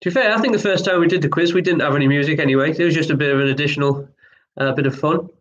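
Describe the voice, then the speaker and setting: A man's voice: a little high, racing, a bit bright, dull audio. Chatty man hosting an online quiz. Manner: chatty, apologetic, reads questions twice. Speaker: quiz host.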